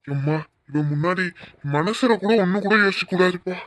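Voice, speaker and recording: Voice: mid-range voice, moderate pace, a bit bright, dry recording, close to an everyday voice. A performer voicing a sly, scheming husband in a cartoon family skit, muttering grumbling asides to himself.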